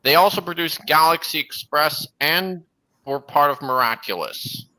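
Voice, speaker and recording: A livestream host gives casual, earnest commentary focused on details of the videos he is watching, with music behind him. His fairly high voice is expressive and sharp at a normal speed, in a rough recording.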